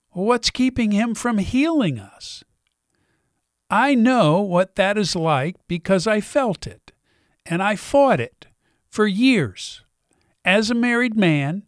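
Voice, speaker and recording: Slow, deliberate middle-aged male preacher. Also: high voice, no echo, clean studio sound. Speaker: senior pastor. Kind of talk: sermon.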